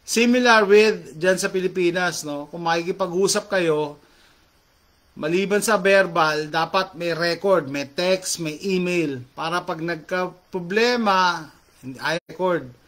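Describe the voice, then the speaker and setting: A man's voice: sits high, unhurried, fairly bright tone. A middle-aged man chatting casually to viewers as host, reading out comments and mixing English phrases into his Tagalog with frequent fillers. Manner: talkative, mixes English into Tagalog, many fillers.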